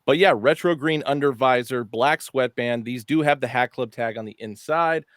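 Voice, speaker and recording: A man co-hosting a casual online show about new hats, chatty and animated, often correcting himself mid-sentence. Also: medium pitch, moderate pace, dry recording, clean studio sound. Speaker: co-host presenting hats. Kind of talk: casual product show talk.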